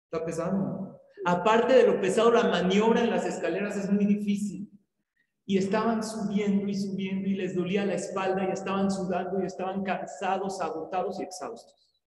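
A man, a rabbi giving a Torah lecture as a lively storyteller who acts out the voices. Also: sits high, normal speed. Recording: very echoey hall.

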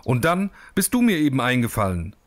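A man voicing a small, timid male grey long-eared bat in an animated storybook film, talking in an anxious, pleading way. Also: mid-range voice, a little fast, no room sound, natural voice.

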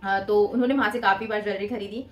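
A woman in her twenties chats to the camera in a shopping haul vlog, holding up items with her hands as she talks. Her mid-range voice is steady and quick, and the small indoor room sounds reverberant.

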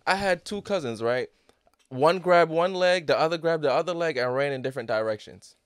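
A man's voice: on the high side, brisk, no room sound. A man hosting a podcast, brash and joking, cursing freely. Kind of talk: casual podcast chat.

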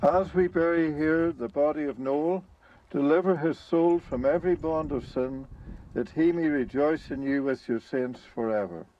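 A man leading a graveside burial service as priest, reading the prayers in a solemn, measured way outdoors. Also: a little high, mellow, lo-fi sound.

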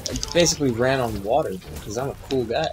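A man's voice: medium pitch, quick pace. A young man talks over his gameplay in a mid-range voice, rambling and swearing as he goes. He mocks himself in a loose, offhand way, and a faint hiss sits under the recording. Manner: crude, rambling, self-mocking. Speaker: gaming YouTuber. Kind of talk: casual let's play commentary.

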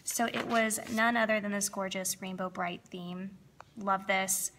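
In this casual plan-with-me voice-over, a planner crafting vlogger talks through decorating her planner. She's a young woman with a slightly froggy, medium-pitched voice, speaking a little slowly with fairly even intonation, yet chatty and upbeat with lots of fillers. The background is noisy.

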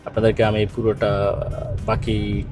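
A man from Bangladesh, talking casually and haltingly to a phone camera while he walks outdoors and later rides in a car. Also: lowish voice, monotone, music in the background. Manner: chatty and hesitant, with many fillers. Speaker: vlogger. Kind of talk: casual travel vlog narration.

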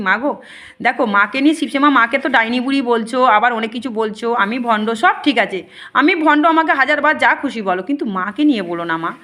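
Fast-talking, high-voiced woman healer. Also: pushed and bright. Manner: earnest, repetitive, often asks "ঠিক আছে?". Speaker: spiritual healer. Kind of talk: addressing devotees and viewers.

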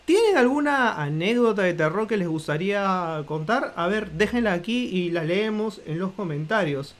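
A Peruvian man with a high voice hosts a live stream, chatting straight to his viewers. He plays it up with theatrical flair and lots of joking. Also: animated, normal speed. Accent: Peruvian Spanish. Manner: playful, theatrical, addresses viewers directly. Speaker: host of a live book podcast. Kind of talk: live-stream casual chat.

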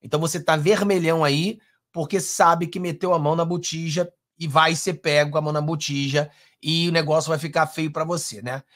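A host with a Brazilian Portuguese accent reacting to a clip, mocking and sarcastic, ranting with swearing. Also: medium pitch. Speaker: political commentary host. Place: in the United States.

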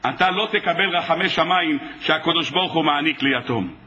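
A man's voice: fairly high pitch, pushed and bright, highs cut off. A man preaching a sermon as a rabbi, in an impassioned way that acts out the dialogue he quotes. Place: synagogue or hall.

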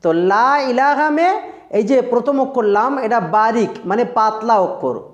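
A Quran recitation teacher giving a tajweed pronunciation lesson, explaining slowly and drawing out recited words to demonstrate them. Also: mid-range voice, animated. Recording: roomy, dull lo-fi recording.

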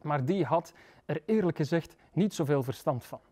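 A man with a Flemish accent reading a children's story aloud in a lively, playful way in a historic library reading room. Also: on the high side, normal speed. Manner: lively, playful, voices characters. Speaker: storybook reader, literature lecturer.

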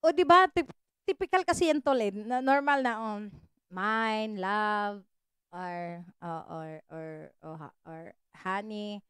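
A woman's voice: medium pitch, slow, a bit bright, smooth. A woman chatting casually on a livestream, teasing her viewers and laughing often. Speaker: livestream vlogger.

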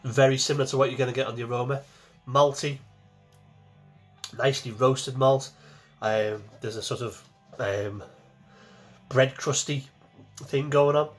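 A man's voice: mid-range voice, fairly even intonation, unhurried, long pauses, slightly rough, soft background music. A man in his forties, talking casually to camera from a small home kitchen as he reviews a beer, chatty and repeating himself as he goes.

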